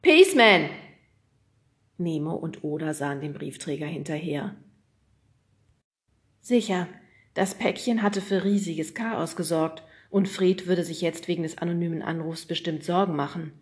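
A woman narrating a children's audiobook in a lively storytelling manner. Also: low voice, moderate pace.

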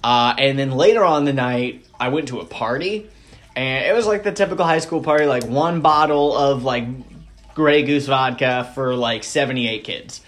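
A man in his twenties hosting a podcast, telling stories casually and jumping into loud acted quotes. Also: mid-range voice, normal speed. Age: 20s. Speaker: podcast host. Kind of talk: casual interview chat.

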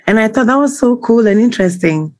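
A woman's voice: fairly high pitch, expressive, fairly quick. A woman who hosts a podcast and works as a journalist, giving a scripted introduction and then asking questions with short affirming interjections.

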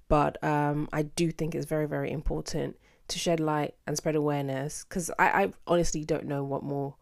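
A British woman hosting a casual solo podcast, with a sassy, theatrical, slangy and expressive way of talking. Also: low-pitched, moderate pace, vocal fry. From United Kingdom. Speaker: podcast host.

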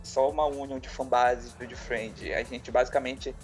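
A woman talks casually as a guest, in a fairly low voice for a woman. Music plays behind her. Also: steady tone, moderate pace, a little mellow. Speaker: guest, fan page administrator. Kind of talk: casual chat.

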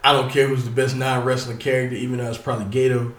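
A man's voice: medium pitch, little pitch movement, quick pace, reverberant, far from the mic. A man casually talking about pro wrestling on his own, rambling and cursing, with lots of fillers and stutters. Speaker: wrestling commentator. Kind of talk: casual solo talk.

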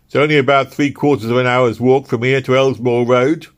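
Brusque night policeman, put on by a male reader, suspicious, pushed high and loud. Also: fairly even intonation, fairly quick, natural voice. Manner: brusque, interrogating. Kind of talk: audiobook character voice.

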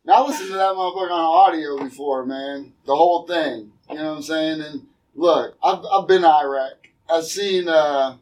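A man's voice: on the high side, normal speed, darkish tone, far from the mic, rough recording. A middle-aged man from Pennsylvania telling stories in casual chat, slangy and profane. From Erie, Pennsylvania. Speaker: podcast guest, comedian.

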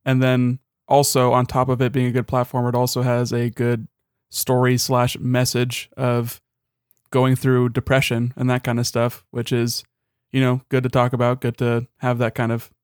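A man's voice: medium pitch, flat delivery, moderate pace, clear, resonant tone, no echo, studio quality. A young man co-hosting a podcast in an easygoing, rambling and wry way, talking through games. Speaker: podcast co-host. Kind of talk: casual chat.

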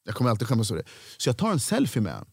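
A man's voice: mid-range voice, creaky, slightly rough, no echo. A man, a stand-up comedian, telling stories in a casual podcast chat, acting out the people he quotes. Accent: Swedish. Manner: animated storyteller, acts out quoted voices.

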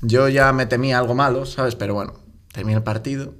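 A young man spins a long, rambling story for his friends on a casual podcast. His voice sits at an ordinary middle pitch, and he keeps piling on animated asides. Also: quick pace. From Basque Country, Spain. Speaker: podcast co-host. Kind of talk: casual chat among friends.

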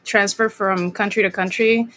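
A woman's voice: mid-range voice, normal speed. Young costa rican woman chatting as a guest, lots of ums and restarts, laid back. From Costa Rica. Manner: relaxed, rambling with many fillers and restarts. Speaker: guest drummer. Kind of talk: casual interview chat.

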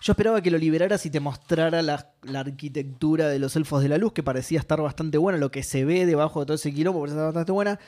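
A young man with an Argentine accent chats about games on a podcast. His voice sits fairly high, and he talks in an animated way, full of swearing and laughter. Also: quick pace, hardly any pauses. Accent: Argentine Spanish. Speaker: podcast co-host. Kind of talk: casual gaming chat.

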